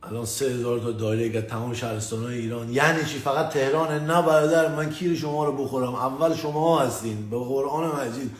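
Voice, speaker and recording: A man from Tehran telling crude personal stories in a rambling, profane, animated way. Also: medium pitch, few pauses. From Tehran, Iran. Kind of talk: casual storytelling monologue. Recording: echoey room with faint ambient noise.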